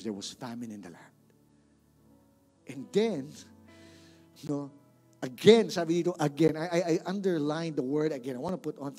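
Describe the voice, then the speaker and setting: A man with a Filipino accent preaches a sermon, his voice a little high and husky. He presses his points hard, repeats words and calls on the congregation to say them with him. Soft music plays faintly behind him. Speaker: pastor. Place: church.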